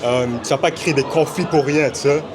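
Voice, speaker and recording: A young man, a student, answering an interview question in a relaxed, laid-back way. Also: on the high side, fairly quick, crowd noise. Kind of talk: casual street interview. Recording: noisy crowded outdoor spot.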